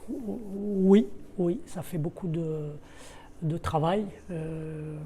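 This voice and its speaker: The recording has a little hiss or hum as a middle-aged man talks slowly in a warm, somewhat high voice. Deputy sporting director of a football club and not French by birth, he explains his role spontaneously in a podcast interview, searching for words and repeating himself.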